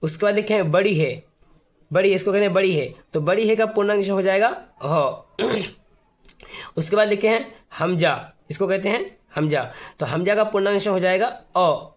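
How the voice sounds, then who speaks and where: A man teaching the alphabet step by step, patient and repetitive, now and then clearing his throat. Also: high voice, moderate pace.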